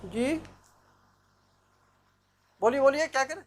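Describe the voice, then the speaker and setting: Woman teacher, high pitch, explanatory online lecture over a video call, keeps checking students follow. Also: lively intonation, takes it slowly. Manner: explanatory, checks understanding with "theek hai na". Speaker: Arabic grammar teacher.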